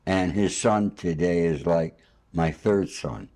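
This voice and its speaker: An older man hosting an interview speaks slowly in a warm, fairly low voice. The conversation is spontaneous and casual, and he talks off the cuff, rambling, drifting into anecdotes and boasting a little.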